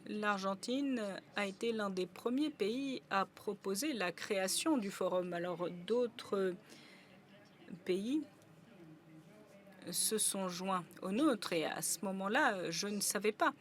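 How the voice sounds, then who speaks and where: Slow and mid-range in pitch, a female conference interpreter relays speech simultaneously. Her delivery stays steady, though she hesitates briefly again and again.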